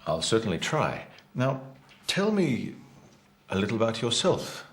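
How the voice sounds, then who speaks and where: An actor playing a curious private investigator in a scripted drama for learners, hesitant and full of ums and uhs. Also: male voice, fairly low pitch, wildly swooping pitch, unhurried, exaggerated voice.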